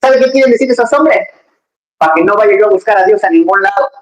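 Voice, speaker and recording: A preacher delivering a lively sermon in a loose, conversational way. The talk is peppered with joking asides and questions thrown out to the listeners, in a mid-pitched voice. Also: quick pace, rough recording.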